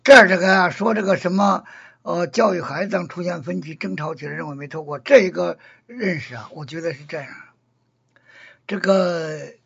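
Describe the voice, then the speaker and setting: A high-pitched man with a gravelly, very husky voice talks through a casual Buddhist discussion. He explains earnestly and keeps restating his points in new words. The recording sounds dull and lo-fi. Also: normal speed, fairly bright tone. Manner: earnest, repeats and rephrases points.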